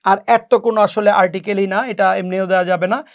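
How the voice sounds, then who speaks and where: A man's voice: high voice, fairly even intonation, brisk, highs cut off. A Bangladeshi man in a recorded exam-coaching lesson, explaining English grammar patiently, repeating key points and mixing English into his talk. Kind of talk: recorded lecture explaining past exam questions.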